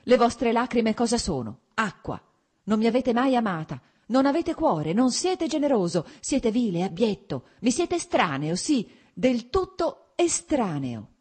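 A betrayed wife, proud and furious, her voice climbing high and loud in bitter reproach, as a woman reads her part. Her tone stays dark and husky. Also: very animated, moderate pace. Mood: scornful. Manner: shrill, bitter, pleading outbursts.

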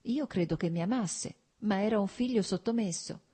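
A woman reading an audiobook voices a calm, gentle young woman who speaks plainly and mildly. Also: mid-range voice, normal speed, breathy edge, voice pushed up, natural voice.

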